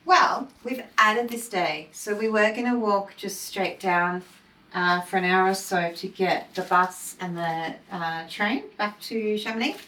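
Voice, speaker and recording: A woman's voice: medium pitch, measured pace, bright, forceful tone, low-quality recording. A woman chatting upbeat on a mountain hiking trail, talking into a handheld camera. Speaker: travel vlogger. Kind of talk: casual vlog chat. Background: background music.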